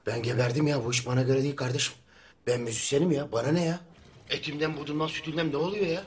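An actor playing a municipal worker whose announcement and complaints go out over a public loudspeaker. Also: male voice, fairly high pitch, steady tone, quick pace. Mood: grumbling. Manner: formal announcing, then grumbling loudly. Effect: heard over a public loudspeaker. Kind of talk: TV comedy drama acting.

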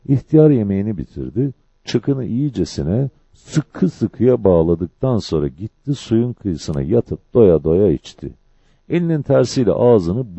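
Dark, husky male storyteller. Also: sits low, no room sound. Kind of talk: scripted story narration.

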